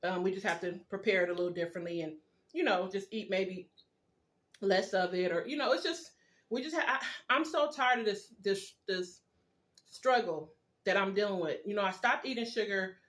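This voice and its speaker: A casual, confiding vlogger with a mid-pitched voice talks while chewing. The delivery rambles in an informal way, as if sharing a meal with viewers, with words formed around mouthfuls of food. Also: normal speed, a bit bright. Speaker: video blogger. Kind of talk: casual chat while eating, mukbang style.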